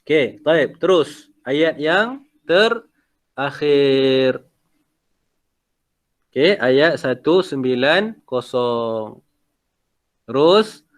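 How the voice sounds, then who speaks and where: Seorang guru tilawah lelaki dari Malaysia berloghat Melayu Malaysia, mengajar dengan sabar, melagukan ayat lalu menerangkan tajwid melalui panggilan video. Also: male voice, medium pitch, expressive, very slow, long pauses. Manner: patient, corrective, chants verses melodically then explains. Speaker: Quran recitation teacher. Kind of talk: online recitation lesson.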